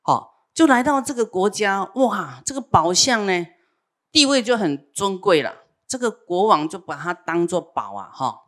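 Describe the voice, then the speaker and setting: A woman's voice: mid-range voice, big pitch swings, normal speed. A woman casually telling a Buddhist teaching story, chatty and full of fillers.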